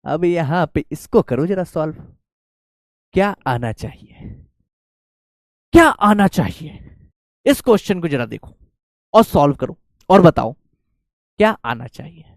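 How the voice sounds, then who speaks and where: A man's voice: a little high, very animated, unhurried, creaky, pauses often, no echo, studio quality. A male maths teacher giving a lesson who coaxes his students and keeps checking that they follow. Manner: coaxing, keeps checking students follow, calls them "beta".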